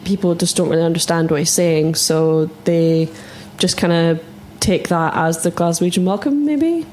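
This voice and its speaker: A woman's voice: fairly low pitch, moderate pace, a little mellow, a little hiss or hum. A woman chatting casually as a guest on a podcast. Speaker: distillery representative, podcast guest. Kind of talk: casual chat.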